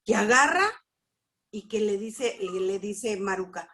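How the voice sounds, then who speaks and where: A middle-aged woman gives a personal testimony at a church family class, telling her story with lively expression and acting out what people said. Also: medium pitch, unhurried. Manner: animated storytelling, acts out dialogue. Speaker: speaker at a church family school.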